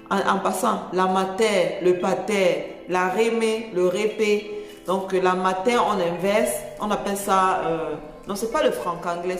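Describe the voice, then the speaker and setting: A chatty vlogger woman with a Cameroonian French accent explains slang to her viewers, going over each phrase more than once. Her voice rings out in a roomy space with a long echo tail. Faint music plays underneath. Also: medium pitch. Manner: chatty, laughs often, repeats phrases to explain. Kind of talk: casual explanatory chat to camera.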